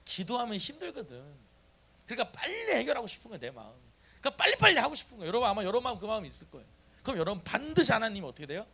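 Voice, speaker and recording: A man's voice: high-pitched, racing. A man preaching a sermon as pastor, calling on the congregation to answer and repeat after him. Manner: animated, calls for congregation responses. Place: church sanctuary.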